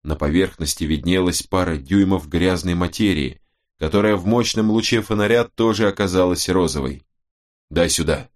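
A male narrator reads a novel aloud in a very deep, low voice. The reading is steady and measured throughout. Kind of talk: scripted audiobook narration.

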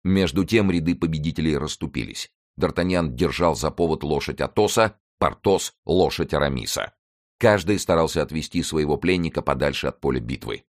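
A man reading an adventure novel aloud as narrator, steady and measured. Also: extremely low pitch. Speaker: audiobook narrator. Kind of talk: scripted narration.

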